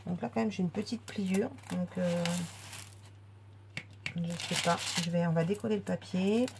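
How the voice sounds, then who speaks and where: A woman's voice: fairly low pitch, fairly even intonation, a little slow, vocal fry, background noise. A woman chatting casually while unboxing a craft kit, with many fillers and restarts. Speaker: craft vlogger.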